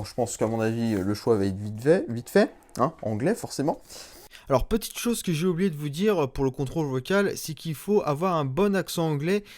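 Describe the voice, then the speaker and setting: Lively casual man demoing a gadget. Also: on the high side. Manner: chatty, hands-on, swears casually; slow, effortful English voice commands. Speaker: YouTuber reviewing a collectible. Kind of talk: casual product demo.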